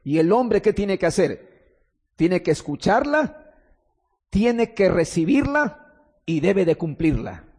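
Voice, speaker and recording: A man's voice: sits high, sing-song, takes it slowly, pauses often, a little mellow, slightly rough. A man preaching an earnest, emphatic sermon in a church. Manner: earnest, emphatic preaching with repeated phrases and restarts. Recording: long hall reverb.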